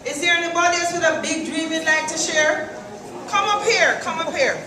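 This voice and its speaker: A woman's voice: extremely high pitch, normal speed, a crowd in the background, noisy background. A woman giving an emphatic motivational speech, calling out to her audience as guest speaker. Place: large echoing hall with audience. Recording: echoey hall from far off.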